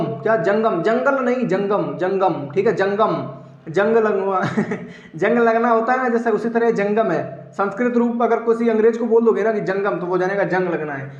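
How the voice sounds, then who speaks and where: A young man from eastern Uttar Pradesh with a Purvanchal accent, teaching an online exam-prep class, joking and repeating each answer for his students. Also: sits high. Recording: roomy, dull lo-fi sound.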